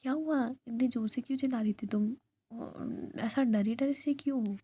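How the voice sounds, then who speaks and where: A woman whispering the lines of a lively, teasing young woman in a told love story, as whispered role-play. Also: fairly high pitch, moderate pace, dry recording. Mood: caring. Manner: soft whispering, breathy.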